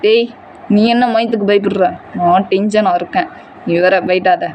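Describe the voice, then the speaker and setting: A woman voicing a furious, short-tempered young man who shouts and scolds harshly in an amateur storytelling. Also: medium pitch, fairly even intonation, moderate pace, muffled recording, a little hiss or hum, natural voice. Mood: angry.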